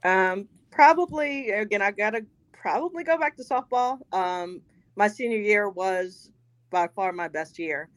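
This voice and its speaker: Lady chatting casually, offhand, dry room, middle pitch. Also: expressive, a little slow, no room sound. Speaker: co-host. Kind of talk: casual chat.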